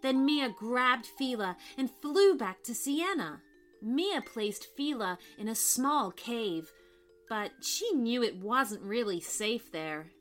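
A woman narrating a scripted children's story in an expressive, dramatic way. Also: on the high side, slow. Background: background music.

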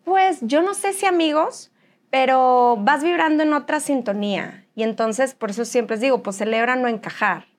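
A woman with a Mexican accent, speaking as an interview guest and telling her personal story in an animated way. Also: sits high, normal speed. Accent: Mexican Spanish. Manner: animated, acts out other people's lines. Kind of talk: candid conversational storytelling.

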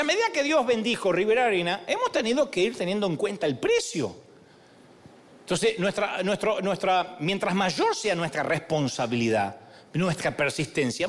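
A man preaching a sermon in a humorous, storytelling way, acting out the voices of the people in his stories. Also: high voice.

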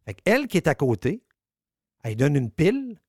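A man with a Quebec French accent telling a story on the radio, animated, swearing and acting out the dialogue. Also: fairly high pitch, normal speed, husky, no room sound, clean studio sound.

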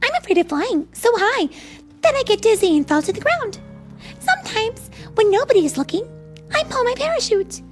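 Lady doing a squeaky chirpy storybook bird, super high and flustered. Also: very animated, faint music behind. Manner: chirpy and rushed. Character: dizzy, flustered little bird.

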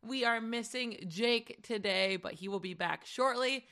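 A slightly hoarse woman hosts a podcast in easy, casual chat. Her tone is bright and crisp, and she talks quickly with plenty of "like" fillers. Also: on the high side. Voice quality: chatty, quick, many "like" fillers. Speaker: podcast host.

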